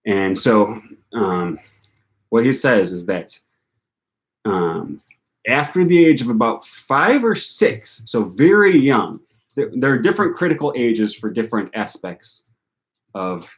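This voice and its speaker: Taking it slowly in an animated, medium-pitched voice, a young man from the northern United States answers questions from viewers of his language-learning channel. He rambles, corrects himself and leans heavily on fillers.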